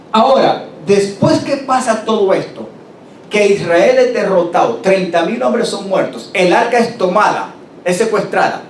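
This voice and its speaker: A man preaching a sermon, slowing down to stress scripture and calling on the congregation to answer back. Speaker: pastor. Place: church hall. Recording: roomy church recording from a distance, faint rumble.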